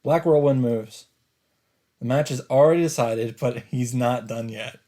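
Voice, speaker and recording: With game music behind him, a let's player dramatically voices a visual novel's narration and drops in his own casual remarks. He speaks in an unhurried, mid-range voice with a dark tone.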